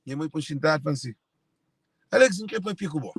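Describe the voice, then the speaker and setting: A man's voice: on the high side, lively intonation, fast, a bit bright, slightly rough, no echo. A Cape Verdean man speaking in an emotional monologue to viewers, repeating and circling back to his phrases. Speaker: speaker sharing personal family story.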